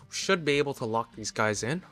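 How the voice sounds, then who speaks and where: A man's voice: medium pitch, expressive, moderate pace, sharp tone. A man streaming a game, reading its dialogue aloud with jokey asides. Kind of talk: casual game playthrough. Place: home streaming setup. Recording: dry close mic with faint game music.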